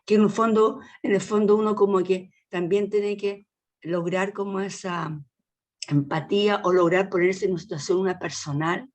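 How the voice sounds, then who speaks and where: A woman's voice: medium pitch, fairly even intonation, normal speed. A woman with a Chilean accent speaking in a casual group discussion, frank and colloquial, often restarting her sentences. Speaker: colloquium participant.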